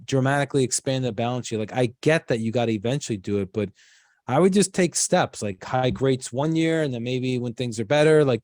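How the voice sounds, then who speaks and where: A man's voice: medium pitch, a little mellow, no room sound, clean studio sound. A middle-aged man with a Queens accent giving casual, blunt market commentary in a conversational way, leaning on "like" and "you know". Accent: Queens, New York. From Queens, New York. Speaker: guest investment strategist.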